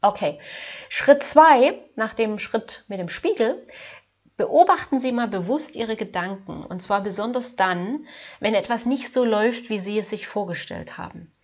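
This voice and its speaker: A woman life coach giving a gentle, earnest self-help talk straight to the viewer, addressing them formally. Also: medium pitch, muffled recording.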